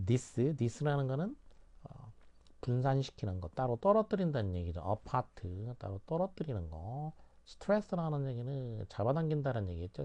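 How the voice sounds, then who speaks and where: A man's voice: lowish voice, gravelly, mellow, lo-fi sound. A man teaching English vocabulary through word roots, explaining at length and repeating key words with many fillers.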